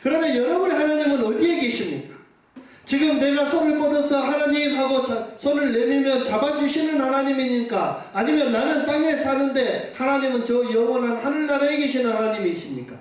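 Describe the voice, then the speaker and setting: A man's voice: extremely high pitch, a little fast. A male pastor preaching a sermon. He questions his congregation and answers himself, and urges them to say amen. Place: church sanctuary. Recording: echoey church hall from far off.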